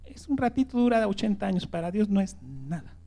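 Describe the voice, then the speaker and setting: A man preaching a sermon as pastor. He jumps from loud emphasis to hushed whispers, repeats words and keeps asking "¿verdad?". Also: sits high, big pitch swings, fairly quick, vocal fry.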